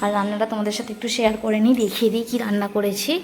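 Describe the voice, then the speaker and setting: A woman's voice: medium pitch, flat delivery, rapid-fire, music in the background. A woman, chatting casually to viewers in a home vlog while she cooks in her kitchen. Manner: chatty, addresses viewers directly, frequent fillers. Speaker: home vlogger. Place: home kitchen with sizzling food.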